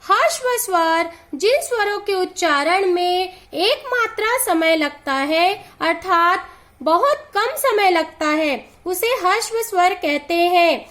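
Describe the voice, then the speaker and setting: Slow, very high-pitched woman teacher. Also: animated, a bit bright. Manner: slow, deliberate explanation, drawing out each letter. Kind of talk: grammar lesson.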